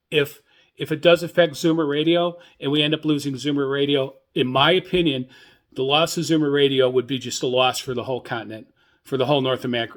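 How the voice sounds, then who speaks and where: A man hosts a casual solo radio show about his hobby, speaking with enthusiasm but in a halting, rambling manner and frequently repeating himself. His voice sits in the mid range.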